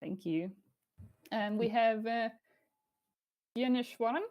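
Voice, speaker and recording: A woman's voice: a little high, slow, dull audio. A woman chairing an online event in a semi-formal way, speaking over a video call. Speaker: chair and host.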